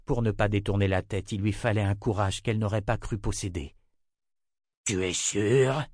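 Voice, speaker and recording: A man narrates a novel in a steady, even storytelling voice. His voice sits somewhat low. The recording is dry and close, with no room sound. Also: a little fast, no room sound. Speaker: audiobook narrator. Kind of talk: scripted narration.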